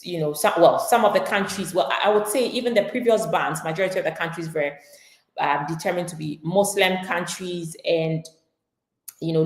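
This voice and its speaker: A woman's voice: lowish voice, roomy sound. A woman immigration attorney explaining legal updates on a live stream, talking it through with frequent fillers and restarts.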